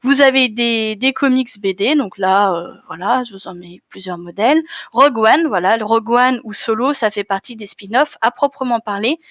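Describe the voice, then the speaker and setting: A woman's voice: fairly high pitch, fairly bright tone, no room sound, dull audio. A woman giving a conference talk from slides, explaining step by step with fillers and self-corrections. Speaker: conference speaker. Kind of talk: live lecture with slides.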